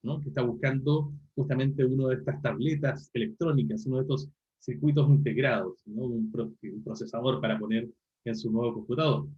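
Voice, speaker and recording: A man's voice: medium pitch, fairly even intonation, brisk, lo-fi sound. A man giving an online university linguistics lecture, explaining step by step with frequent tag questions and self-corrections.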